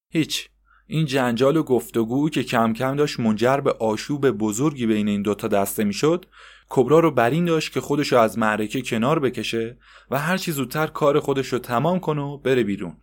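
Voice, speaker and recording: A man narrating a story in a steady, descriptive way with occasional conversational asides. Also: mid-range voice.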